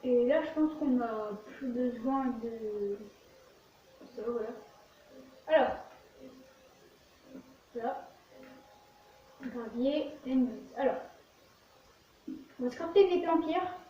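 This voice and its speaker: High-voiced woman in a very echoey room. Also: slow pace, pauses often. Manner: narrates own actions in short fragments. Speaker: gaming video host. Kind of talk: casual let's play commentary. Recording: very echoey, distant, muffled, faint noise.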